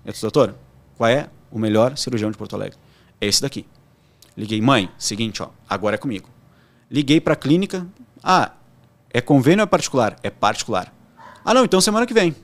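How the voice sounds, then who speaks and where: A young man with a southern Brazilian accent, a podcast guest telling a story casually and acting out the voices of the people in it. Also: medium pitch. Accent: southern Brazilian, Rio Grande do Sul. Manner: animated storyteller acting out quoted dialogue.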